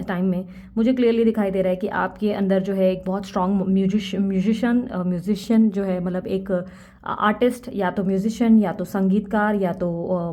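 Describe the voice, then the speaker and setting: A young woman reads tarot cards for her viewers, speaking quickly and earnestly. Her voice is mellow and warm, and her pitch sits in the middle of the range. She often drops English words into her talk. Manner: rapid, earnest, mixes English words into Hindi. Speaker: tarot reader. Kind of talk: Hindi-English tarot reading to camera.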